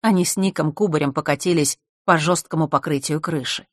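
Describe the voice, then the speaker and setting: Audiobook narrator: a woman with a lower voice and a dry, close recording. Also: dry recording. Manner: even, measured storytelling. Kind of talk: scripted narration.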